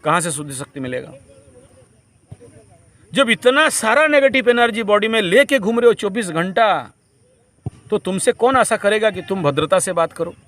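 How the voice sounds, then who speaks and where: High-voiced man lecturing a camp group. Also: lively intonation, normal speed, pauses often, a bit bright. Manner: preachy, repetitive, mixes in English phrases. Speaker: camp teacher.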